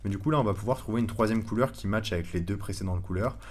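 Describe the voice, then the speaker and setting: A man giving a casual screen-recorded tutorial, chatty and relaxed, with many fillers and self-corrections. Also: lowish voice, fast. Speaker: online course instructor.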